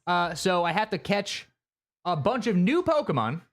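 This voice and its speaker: A live streamer giving rambling, chatty gameplay commentary while talking to chat, with excitable bursts. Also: medium pitch, moderate pace.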